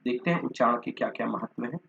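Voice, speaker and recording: A man's voice: medium pitch, fast, gravelly, fairly bright tone. A man teaching a lesson, reading notes aloud, listing terms one by one and sometimes repeating or correcting himself. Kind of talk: Hindi lecture reading from notes. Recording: dull lo-fi recording.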